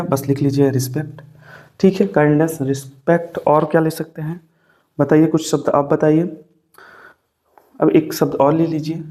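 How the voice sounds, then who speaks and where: A man with a warm, somewhat high voice runs an English grammar lesson in classroom fashion, blending English terms into his speech. Repetitive and coaxing, he calls viewers brother and sir, fires off repeated questions, and has them write down the notes he dictates.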